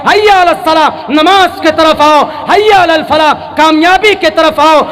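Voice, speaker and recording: Speaking a little slowly, a very high, forceful male preacher gives a fiery sermon to a crowd through noisy, long-reverb public address sound. He is emphatic and declamatory, repeats phrases for weight, and mixes scripture recitation with English words.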